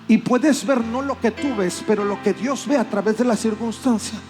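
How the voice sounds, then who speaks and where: A man preaching a sermon as pastor, animated and acting out plaintive voices. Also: high voice, normal speed, over music. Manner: animated, acts out voices of complaint.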